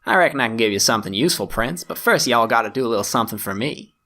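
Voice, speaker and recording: A man's voice: mid-range voice, animated, racing, pushed and bright. A man voicing a folksy male forest ranger in a hammy put-on Southern US drawl, reading game dialogue aloud.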